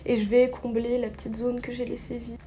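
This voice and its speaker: A woman's voice: a little high, level tone, fairly quick, dark tone, slight background noise. A young woman narrating her makeup step by step in a casual vlog, chatty and full of little fillers and self-corrections. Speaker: beauty vlogger.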